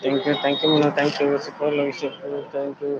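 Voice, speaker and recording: A man's voice: a little high, completely flat delivery, measured pace, highs cut off, heavy background noise. A man hosting a casual live stream. He thanks viewers by name over and over and invites them to join the chat.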